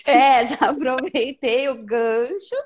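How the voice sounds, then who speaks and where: A woman in her thirties speaking gently and thoughtfully in a reflective conversation, with many soft fillers. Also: sits high, fairly even intonation, slow.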